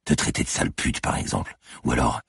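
A man reading aloud plays a predatory police lieutenant, talking in a quiet, taunting, half-whispered menace. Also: extremely low pitch, fast talker, gravelly, breathy edge, no room sound, studio quality, exaggerated voice. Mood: menacing.

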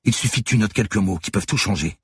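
A man's voice: extremely low pitch, fairly even intonation, moderate pace, breathy edge, no room sound, clean studio sound, heavily acted. A man voicing a weary young policewoman, firm and compassionate, speaking through tears. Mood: impassioned. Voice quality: tearful, insistent.

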